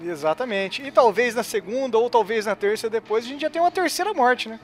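A man's voice: very high-pitched, lively intonation, a little fast, soft background music. A man with a Brazilian Portuguese accent, co-hosting a podcast with joking, irreverent banter. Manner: joking banter with laughs and swearing. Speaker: podcast co-host. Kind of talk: casual podcast chat.

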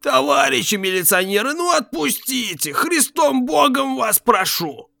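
A man voicing a pleading, wheedling male street tramp, whining and begging in a higher, softer voice. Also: very animated, measured pace, gravelly, dry recording, studio quality, exaggerated voice.

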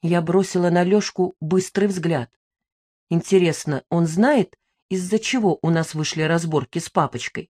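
Woman narrator, first-person audiobook prose, steady even delivery. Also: lowish voice, normal speed, no echo, clean studio sound.

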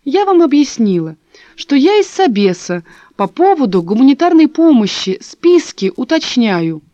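A woman's voice: high-pitched, very animated, moderate pace, dark tone, no room sound, voice pushed up. A woman voicing an impatient young woman who keeps pressing with questions, on a dull, dry recording. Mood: insistent. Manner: probing, insistent.

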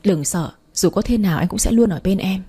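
A woman reading a story aloud, voicing a gentle, teasing young man who comforts his girlfriend, in a soft husky voice. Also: medium pitch, a little fast. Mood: tender.

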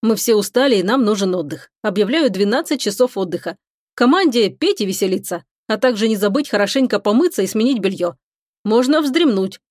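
A woman's voice: medium pitch, expressive, darkish tone, no room sound, clean studio sound, close to an everyday voice. A woman reading a stern male starship captain. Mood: firm. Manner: measured, clipped commands.

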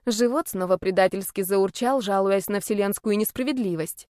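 Woman, audiobook narrator, lively expressive reading, mid-pitched voice, dry close recording. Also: normal speed, dry recording. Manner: lively, indignant and playful in character lines.

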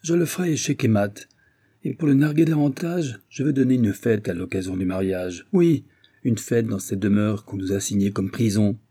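An excitable old grandfather bursts out his lines in an audiobook, as a male reader puts him on. The voice is husky and dark beneath the energy. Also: on the low side, normal speed, no room sound, studio quality. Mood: exclamatory. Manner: impetuous, exclamatory.

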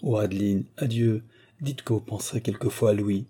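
A man's voice: lowish voice, moderate pace, mellow, husky. A man voicing an ardent, lovesick young man in an audiobook, pleading with passion.

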